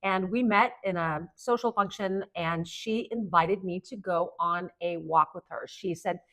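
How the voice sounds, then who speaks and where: A woman in her fifties, an Amazon influencer appearing as a podcast guest, chats casually in a fairly low, fairly bright voice at an unhurried pace. She tells meandering, rambling stories packed with fillers.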